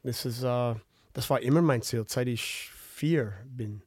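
A man's voice: medium pitch, unhurried, darkish tone, breathy edge, dry recording, studio quality. A man in his fifties from Canada, speaking with a Canadian English accent and many fillers and restarts as a podcast guest. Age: 50s. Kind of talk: casual interview chat.

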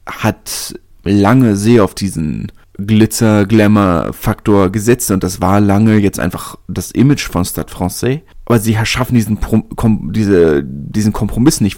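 A man's voice: fairly low pitch, warm tone, no room sound, clean studio sound. A man hosting a podcast, talking through his thoughts in a casual, chatty way and often restarting his sentences. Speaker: podcast host. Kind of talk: casual spoken commentary.

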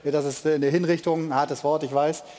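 A man's voice: on the high side, fairly even intonation, quick pace, warm tone. A man giving opinionated football analysis on a TV panel, emphatic and repeating phrases to make his point. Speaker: TV football pundit.

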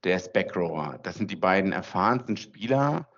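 A man hosting a casual podcast chat, hesitant with many fillers, heard through a low-quality recording. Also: lively intonation, a little fast, a bit bright. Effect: low-quality, muffled recording. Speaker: podcast host. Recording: muffled lo-fi recording away from home.

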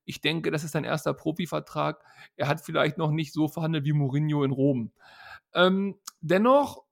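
A man's voice: a little high, moderate pace, creaky. A man from Germany co-hosting a casual football podcast, joking and teasing the others. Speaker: podcast co-host.

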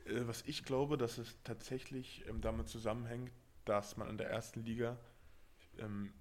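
A man's voice: medium pitch, normal speed. A young man from Berlin, co-hosting a casual podcast chat and talking loosely with lots of fillers and restarts. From Berlin, Germany. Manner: relaxed, chatty, many fillers and restarts. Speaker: podcast host and rugby player.

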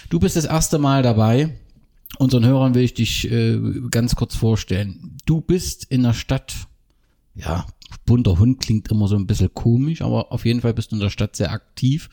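Mellow-voiced male podcast host. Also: medium pitch, moderate pace. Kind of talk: podcast introduction and interview.

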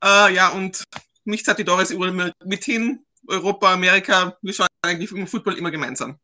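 A woman's voice: lowish voice, brisk, sharp tone. Woman on a video call. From Carinthia, Austria. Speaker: guest, football fan. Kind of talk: casual chat.

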